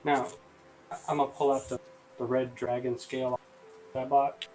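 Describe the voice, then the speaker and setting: A man's voice: mid-range voice, level tone, normal speed, darkish tone, slight background noise, poor audio. Man on a call, voice cutting in and out. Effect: voice cutting in and out on an online call. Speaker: tabletop game player. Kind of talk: casual tabletop roleplay over a call. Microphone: online call.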